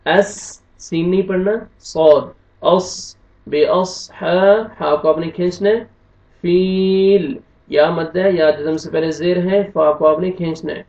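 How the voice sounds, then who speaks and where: Male tajweed teacher, Pakistani accent, high and gravelly; slow chanting; distant, echoey, lo-fi recording. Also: steady tone, a little mellow. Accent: Pakistani Urdu. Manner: slow drawn-out chanting of verses between brisk explanations. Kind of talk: spelled-out recitation lesson. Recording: dull lo-fi room echo from a distance.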